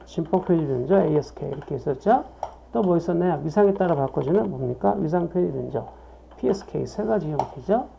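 A woman's voice: low voice, animated, brisk, creaky, dark tone, a little hiss or hum. A woman lecturing on exam questions, reading each one aloud, then asking and answering her own questions. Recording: dull lo-fi recording.

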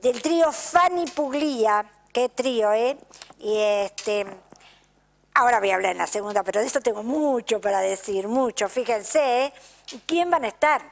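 A woman's voice: a little high, animated, unhurried. An older woman with an Argentine accent hosts a local TV show, chatting effusively to the audience and often tagging her sentences with "¿eh?". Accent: Argentine Spanish. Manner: chatty, effusive, keeps asking "¿eh?". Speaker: TV show host. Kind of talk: casual chat, thanking sponsors to camera. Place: local TV studio.

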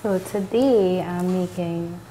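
A woman's voice: on the low side, takes it slowly, slight background noise. A young Trinidadian woman giving casual interview answers as a contestant. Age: young adult. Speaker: cooking contestant. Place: TV studio. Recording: reverberant sound under loud music.

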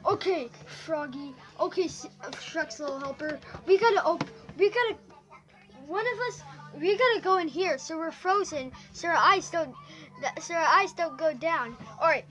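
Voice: very high-pitched, normal speed. A young performer voicing a cheeky, taunting blue hedgehog plush toy in a homemade toy video.

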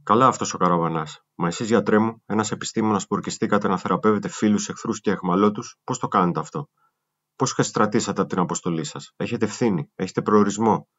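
A man reading a first-person memoir aloud in a steady, grave storytelling manner. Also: lowish voice. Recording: muffled lo-fi recording.

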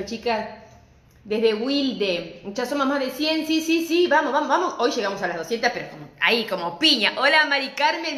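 A middle-aged woman with an Argentine accent, teaching a live-stream craft class and greeting viewers warmly and chattily. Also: a little high. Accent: Argentine Spanish. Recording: echoey room.

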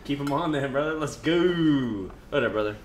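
Young guy chatting in an echoey kitchen, slangy, swears a bit, medium pitch, faint noise. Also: animated, moderate pace. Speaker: streamer. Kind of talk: casual banter on a cooking live stream. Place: indoor home kitchen.

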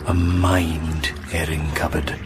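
An actor playing a pompous, bumbling middle-aged professor in a sci-fi comedy, pedantic and prone to digress. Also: male voice, extremely low pitch, level tone, takes it slowly, loud music behind the voice. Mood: grave.

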